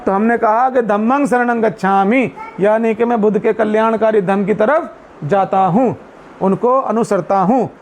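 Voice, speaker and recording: High-voiced man explaining to a gathering. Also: darkish tone, a little hiss or hum. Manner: asks the audience questions and answers them himself; chants Pali verses slowly. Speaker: Buddhist speaker at a community meeting. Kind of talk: explanatory talk to a seated group.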